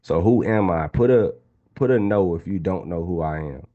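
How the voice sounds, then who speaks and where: Talking to his chat while teaching a live online trading class, this relaxed Atlanta, Georgia instructor in his twenties has a voice that sits low, with lively intonation and a moderate pace. The sound is phone quality.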